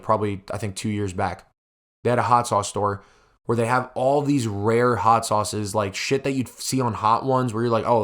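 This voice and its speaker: A man's voice: fairly low pitch, a bit bright. Young man telling a story, swearing freely. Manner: heavy casual swearing; vivid, exaggerated recounting. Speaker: podcast host. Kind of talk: casual storytelling to listeners.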